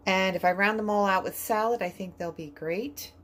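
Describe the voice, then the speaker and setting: A woman narrating a budget grocery vlog in voice-over, calmly listing each item and its price. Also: medium pitch, moderate pace, a little hiss or hum. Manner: calm, list-like item-by-item rundown of prices.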